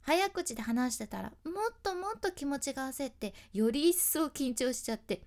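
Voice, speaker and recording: A woman's voice: sits high, expressive, moderate pace, darkish tone. A woman who works as an announcer, giving a chatty, step-by-step lesson on speaking and acting out example phrases. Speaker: announcer teaching speaking skills. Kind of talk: casual instructional talk.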